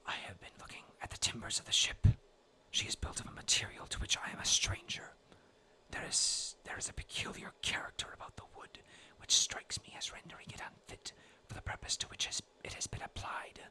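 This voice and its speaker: A man's voice: brisk, pushed and bright. A man in his twenties from New England, reading a classic sea tale aloud in a whispered role-play ASMR style. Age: 20s. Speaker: storyteller.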